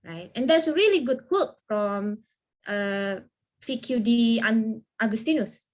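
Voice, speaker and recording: A woman with a slightly high voice runs an online training session over a video call. She answers questions in a lively, encouraging way and often checks that listeners agree. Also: measured pace.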